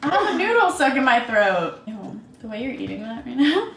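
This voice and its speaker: A woman's voice: on the high side, big pitch swings, brisk, creaky, recorded from a distance. A young woman chatting casually and animatedly while eating on camera, often laughing. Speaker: vlogger. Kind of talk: casual mukbang chat. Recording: echoey room, away from mic, faint noise.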